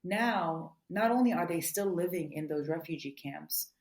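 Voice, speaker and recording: A woman author answering interview questions in an earnest, quick way, often saying "you know". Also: fairly low pitch, expressive, a little mellow. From United States. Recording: roomy echo.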